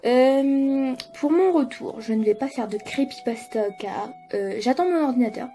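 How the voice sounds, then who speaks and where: A young woman with a fairly high but mellow, relaxed voice, chatting casually to camera from her apartment. She laughs a lot and swears freely, with a self-mocking tone, while faint music plays behind her. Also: a little slow. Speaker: YouTuber. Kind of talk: casual vlog chat to camera.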